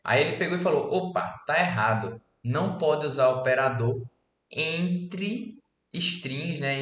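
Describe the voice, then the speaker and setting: A man in his twenties from Alagoas, Brazil, casually explaining code in a screen-recorded programming lesson and checking in often with his students. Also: a little high. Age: 20s. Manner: casual, relaxed explaining with frequent "beleza?" check-ins. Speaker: programming instructor. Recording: echoey room with faint keyboard typing.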